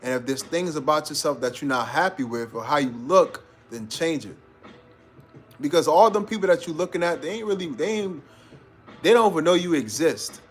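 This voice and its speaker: A New York man hosts a casual motivational live stream, speaking at normal speed in a slightly high, animated voice over soft background music. He's laid-back and slangy, calling his listeners "bro."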